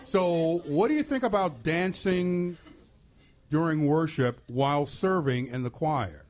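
A man's voice: fairly high pitch, a little slow, a little mellow. A man hosting a casual church group interview, jovial and informal, often repeating himself. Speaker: discussion host in a church. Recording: noisy room with crowd sound.

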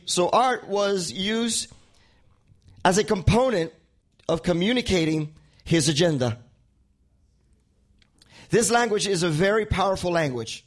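A male pastor with a high voice preaches a sermon in a Spanish accent, being a native Spanish speaker. He often repeats words as he builds toward a point.

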